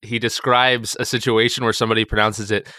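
A man co-hosting a casual Bible study podcast as a vicar, thinking aloud with frequent restarts and asides. His voice is lowish but bright and crisp, with a smooth, clear tone. The sound is close and dry, with no room echo. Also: little pitch movement, fairly quick.

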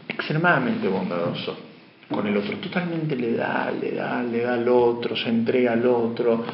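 A man giving a spiritual lecture to a class, asking questions of his listeners and moving between emphatic and hushed speech. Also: mid-range voice, a little hiss or hum. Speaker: teacher. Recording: dull, roomy lo-fi room sound.

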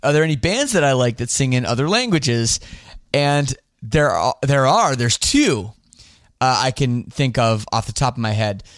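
A man from Canada hosting a podcast, answering listener questions in a relaxed, rambling way with lots of fillers. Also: medium pitch, moderate pace, no echo, studio quality. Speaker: podcast host.

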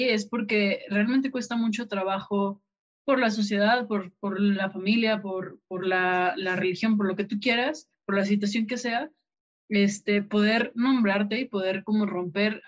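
A woman co-hosting a podcast who talks hesitantly, pausing to search for her words. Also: mid-range voice. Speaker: podcast co-host. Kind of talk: casual podcast conversation. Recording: dull, lo-fi sound.

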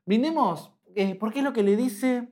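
A man's voice: very high-pitched, moderate pace. Guy on a podcast, retells stuff with a lot of energy, plays out the lines. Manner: animated retelling, acts out quoted lines. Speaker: podcast host. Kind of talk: casual chat.

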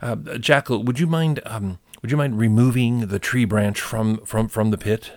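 Man voicing a hare, clever, hesitant, stammering, low voice, dry sound. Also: normal speed, dry recording, lightly acted. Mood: musing. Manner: stammering, hums thoughtfully.

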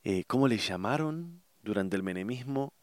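A man's voice: mid-range voice, lively intonation, moderate pace, no room sound. A middle-aged man with an Argentine Spanish accent, talking in a casual rambling monologue, often hesitating and searching for words. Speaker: vlogger.

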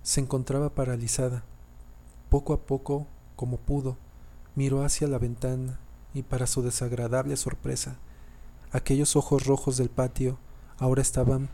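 A man narrates a scary family story in a low, mellow voice. His delivery stays flat and even, and he often trips over lines and starts them again. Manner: reads haltingly, often restarting and repeating sentences. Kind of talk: scripted horror story narration.

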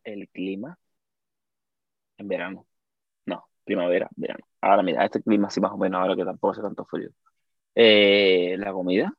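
A man's voice: deep voice, moderate pace, vocal fry, pauses often, no room sound, dull audio. A man from Cuba with a Cuban accent, a guest talking casually in an interview and often tossing in tag questions. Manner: animated, lots of tag questions. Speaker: guest, YouTuber.

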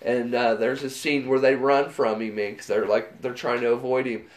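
A man's voice: mid-range voice, flat delivery, normal speed. Man riffing casually in an echoey room. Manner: loose, profane riffing, acts out movie lines. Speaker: podcast co-host. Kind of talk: casual chat.

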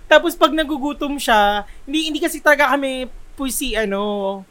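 A young man co-hosting a podcast, telling stories with lively energy and mixing in English words. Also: extremely high pitch, moderate pace. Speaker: podcast co-host. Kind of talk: casual chat.

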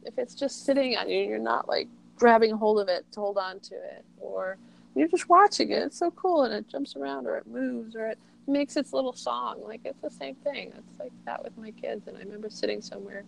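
Middle-aged woman with a heavy vocal fry, rambling chat, lots of likes, kinda dreamy and reflective. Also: fairly high pitch, a little fast, slight background noise, poor audio. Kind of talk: reflective casual conversation.

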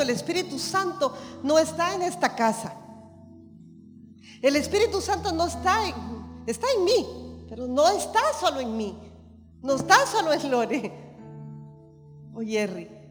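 Woman preacher, high voice, reverberant hall, soft music behind. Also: very animated, measured pace, pauses often. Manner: emphatic, repetitive preaching with calls of amen. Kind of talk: sermon.

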